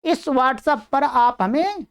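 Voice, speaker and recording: A woman teaching Sanskrit in a recorded lesson, going over an answer sheet with a patient, explaining manner. She reads translations and examples slowly, word by word, and keeps checking in with the listener. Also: sits high, expressive.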